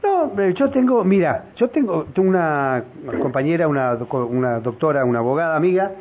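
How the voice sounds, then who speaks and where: A man's voice: on the high side, very animated, fairly quick. A man in his sixties hosting a casual radio interview, chatty and jovial, sometimes talking over his guest. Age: 60s. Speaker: radio host. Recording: lo-fi radio broadcast.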